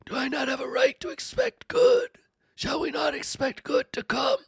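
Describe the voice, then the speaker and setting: A woman's voice: high-pitched, sing-song, moderate pace, dry recording. A woman voicing the suffering old man Job, tearful and pleading, dramatically reading his lament with whispers and cries. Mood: anguished. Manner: anguished pleading, dramatic swings.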